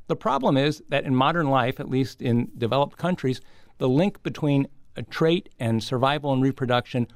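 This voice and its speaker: A man giving measured, articulate explanations as a scientist guest in an interview. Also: medium pitch, lively intonation, no room sound, clean studio sound.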